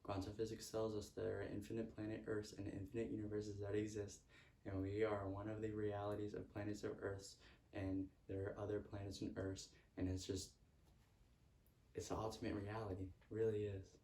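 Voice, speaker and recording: A man's voice: fairly low pitch, completely flat delivery, moderate pace, dark tone, far from the mic. A man giving a motivational self-help talk, repeating earnest affirmations. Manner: earnest, repetitive affirmations with stray laughs. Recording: echoey room, speaker off-mic.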